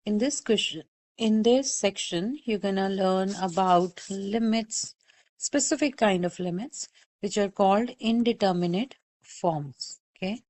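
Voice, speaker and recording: A woman math teacher speaks a little slowly in a medium-pitched, darkish voice during a recorded calculus lecture. She breaks things down step by step, patiently repeats warnings, and often checks in with "okay?"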